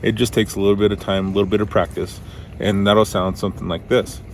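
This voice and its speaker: Low-voiced man giving a casual how-to. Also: flat delivery, quick pace, a little mellow, slight background noise. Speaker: duck calling instructor.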